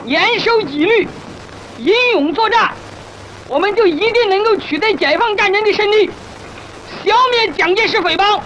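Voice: very high voice, normal speed, bright, forceful tone. An actor in an old film playing a resolute revolutionary army commander, giving a solemn, rousing, declamatory speech. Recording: dull old film soundtrack, faint noise.

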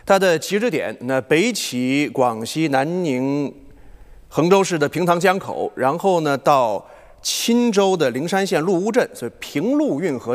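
A man's voice: fairly high pitch, big-room sound. A man presenting live as a formal news anchor, explaining point by point. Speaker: news programme host. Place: live television studio.

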